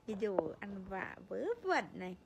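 A woman's voice: medium pitch, expressive, normal speed, creaky, over a noisy crowd. A mother cooing and playfully scolding her baby in sing-song baby talk. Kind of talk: baby talk to an infant on camera.

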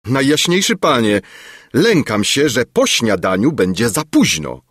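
A man's voice: lowish voice, big pitch swings, measured pace, slightly rough, no room sound, clean studio sound, heavily acted. A man voicing an anxious, fawning court minister in a storybook reading, urgent and pleading.

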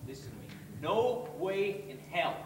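A man's voice: high-pitched, sing-song, a little slow. A man playing a cynical ex-convict blues musician in a stage play, blunt and sarcastic. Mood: refusing. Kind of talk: amateur stage play acting. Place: theatre stage, camera far off. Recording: distant, echoey stage, clear noise.

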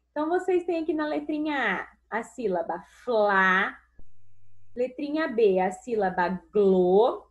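Sing-song Brazilian woman teacher. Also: on the high side. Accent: Brazilian Portuguese. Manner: slow, sing-song, stretches syllables and calls pupils "amores". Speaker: primary school teacher. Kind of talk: recorded remote lesson for young children. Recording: dull lo-fi recording.

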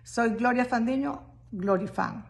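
A woman's voice: fairly high pitch, a little slow. A woman giving an upbeat promotional welcome to an English course. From Colombia. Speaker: course presenter. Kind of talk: welcome announcement.

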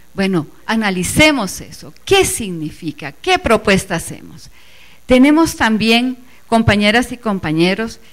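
A woman giving an earnest, emphatic speech as an organizing committee member before a teachers' assembly. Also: medium pitch. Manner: earnest, emphatic, addresses the audience inclusively. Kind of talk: public speech at a meeting.

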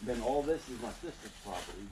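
A middle-aged man talks his way around an old barn in the woods, rambling and animated, his voice leaping up and down. The body-worn camera picks up heavy outdoor noise. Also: mid-range voice, fast. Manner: rambling, animated storytelling with laughs. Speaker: landowner giving a tour. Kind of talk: casual chat.

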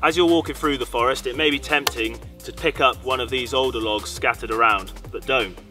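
Outdoors in a garden, a young British man presents an upbeat step-by-step tutorial with clear instructional delivery. He speaks briskly in a mid-range voice, with music in the background.

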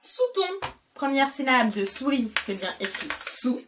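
A woman's voice: high voice, big pitch swings, unhurried, far from the mic, noisy background. A woman educator explains a syllable game to parents and plays it patiently with a young child, praising often. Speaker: educator presenting a learning game.

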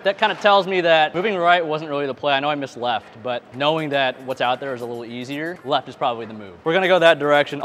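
A man in his thirties, a pro bowler, explaining his equipment casually while bowling in an alley, on a lapel mic. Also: a little high. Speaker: pro bowler and video host. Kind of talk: casual instructional vlog. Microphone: clip-on lapel mic.

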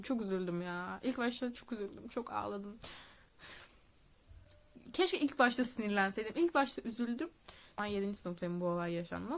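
A young woman vlogging casually at a relative's home, telling a school story, laughing often and swearing offhandedly. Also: fairly high pitch.

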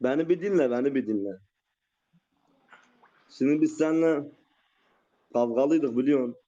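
A man on a live stream who talks calmly and pleadingly, urging someone to settle down. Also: medium pitch, normal speed. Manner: calming, pleading, repeatedly urging calm. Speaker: livestreamer. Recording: muffled lo-fi stream audio.

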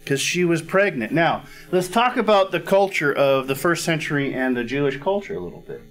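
A man's voice: fairly high pitch, animated, a little fast, fairly bright tone, soft background music. A middle-aged man preaching a sermon on a church stage, teaching in a conversational way and checking in with his listeners. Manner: conversational teaching, frequent "all right?" check-ins; clears throat now and then. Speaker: pastor. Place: church stage with a cozy fireplace set.

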